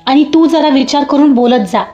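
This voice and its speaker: A woman's voice: high-pitched, normal speed, mellow, natural voice. A woman voicing a jealous, dismissive young male assistant who speaks in a curt, defensive way. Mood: sulky. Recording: dull lo-fi audio with faint music.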